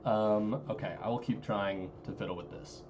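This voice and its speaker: A man's voice: lowish voice, fairly even intonation, normal speed, darkish tone. A man casting an esports stream in casual, joking banter, his voice sounding like it comes through a cardboard tube. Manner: joking, self-deprecating banter. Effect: muffled mic that sounds like talking through a tube. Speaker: esports league caster. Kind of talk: casual live-stream commentary. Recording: muffled lo-fi mic, faint hiss.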